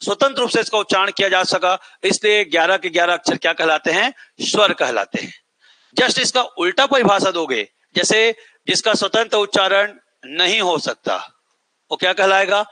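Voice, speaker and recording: A man's voice: high voice, lively intonation, moderate pace, bright, forceful tone, dry recording. A man teaching a class in a lecture style, repeating points and quizzing students who answer back. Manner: repetitive, quizzing, drills answers. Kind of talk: classroom lecture with call-and-response questions.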